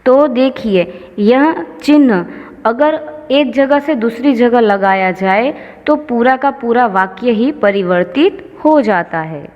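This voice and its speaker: A woman teacher explains grammar with slow, patient care, going over every example. Her voice sits a little high. The sound is dull and lo-fi, with a long reverb trailing each word. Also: lively intonation. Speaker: school teacher.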